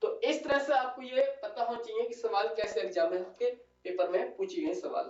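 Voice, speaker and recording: A man's voice: high-pitched, normal speed. A man teaches physics at a board, talking his students through each step and checking they follow. He sounds set back from the microphone in an echoey room, and the recording is dull and lo-fi. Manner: coaxing, calls students "beta" and keeps asking "clear?". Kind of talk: classroom lecture. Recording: echoey room, distant lo-fi mic.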